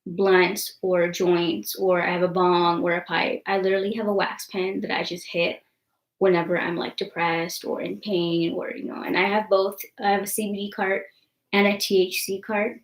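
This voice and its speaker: A woman's voice: fairly low pitch, little pitch movement, moderate pace, reverberant, low-quality recording. A young woman vlogger in casual live-stream chat, blunt and defiant, swearing freely and rambling with many likes and ums.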